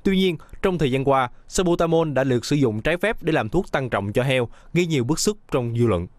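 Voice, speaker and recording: A man reads the news voice-over fast and evenly. The sound is dry and close, with no room around it. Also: medium pitch, no echo. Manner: brisk, even newsreading. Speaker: news narrator.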